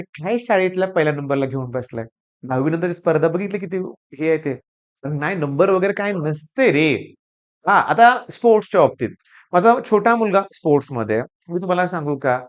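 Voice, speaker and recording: A man's voice: sits high, smooth. Blunt, emphatic middle-aged male tutor, lo-fi. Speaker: admission counsellor and tutor. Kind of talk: lecture-style talk to students and parents. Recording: dull lo-fi sound.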